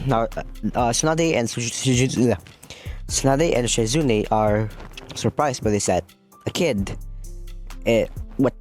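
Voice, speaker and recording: A man's voice: mid-range voice, a little mellow. A young man casually retelling a fan story, rambling with lots of fillers and self-corrections.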